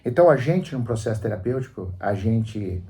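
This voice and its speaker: A Brazilian man talking in a radio studio. His voice is mellow and relaxed, and he explains things in a didactic, storytelling way, with emphasis on his key points. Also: on the low side, brisk. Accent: Brazilian Portuguese. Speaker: psychologist guest on a radio show.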